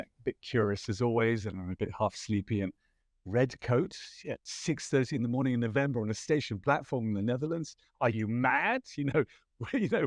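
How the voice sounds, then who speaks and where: A man's voice: mid-range voice, no echo. British man telling a rambling anecdote. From Britain. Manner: rambling anecdotal, self-deprecating, frequent restarts. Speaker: podcast guest, photographer. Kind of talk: conversational storytelling.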